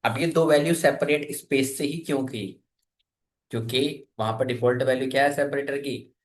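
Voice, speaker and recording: A man's voice: mid-range voice, normal speed. A man teaching a programming class, asking his students questions and waiting for their answers. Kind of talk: classroom coding lesson.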